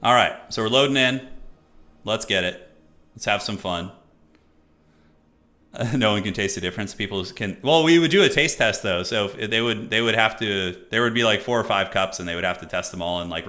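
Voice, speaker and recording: A man's voice: lowish voice, normal speed, bright, forceful tone. A man, chatting loosely with his live-stream audience and commentating a strategy game match, with lots of fillers and restarts. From United States. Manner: loose and chatty, many fillers and restarts, reads chat aloud. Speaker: streamer and caster.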